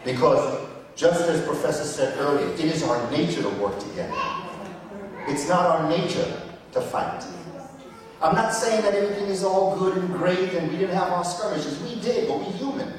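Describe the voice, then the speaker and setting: In a big echoing hall, picked up from a distance, a high-pitched man lectures on history with preacherly fervour. He hammers his points home and repeats words for effect.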